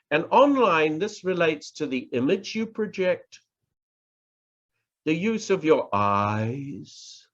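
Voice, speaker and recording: A middle-aged professor with a New Zealand accent teaches public speaking in an online presentation from indoors. He is slow and deliberate, with widely swinging pitch, pauses, repetition, and a fairly bright, instructional tone. His sound comes through a muffled video-call microphone.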